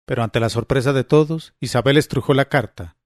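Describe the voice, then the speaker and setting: A man narrating a literary story as an audiobook, in a measured, quietly dramatic reading with light voicing of the characters. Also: medium pitch, no room sound, clean studio sound.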